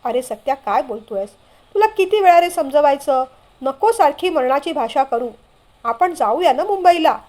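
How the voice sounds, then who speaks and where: A woman's voice: sits high, lively intonation, normal speed, darkish tone. Brief: a woman reading a firm, caring family patriarch.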